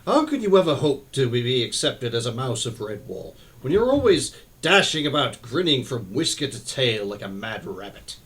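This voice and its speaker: A man voicing an old male abbot mouse, wise and stern but kind, speaking wearily and gently. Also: mid-range voice, sing-song. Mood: weary. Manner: weary, gentle and slow.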